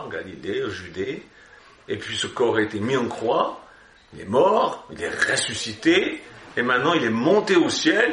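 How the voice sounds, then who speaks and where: A man's voice: on the high side, fairly bright tone. A man preaching an Easter sermon, exhorting his listeners and breaking into joking asides. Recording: roomy hall echo.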